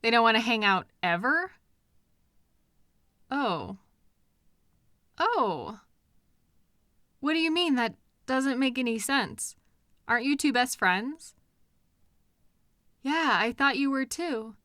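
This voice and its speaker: Here the roleplay performer uses a fairly high, full character voice as a caring, gently indignant woman comforting an upset partner. Addressing the listener directly, she is tender and expressive, concerned and puzzled, with soft pauses and questions. The recording is dry and clean, studio quality, captured on a close mic in a dry room.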